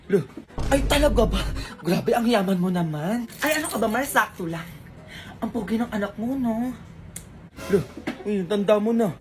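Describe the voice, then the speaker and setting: Isang babaeng may puntong Pilipino na nagko-komedya sa skit, ginagampanan ang iba't ibang karakter, pasigaw at eksaheradang pananalita. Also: female voice, medium pitch, expressive, normal speed, pauses often, crowd noise. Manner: scolding, exaggerated comic delivery. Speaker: comedy skit creator. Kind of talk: comic skit acting, playing several roles. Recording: music playing behind.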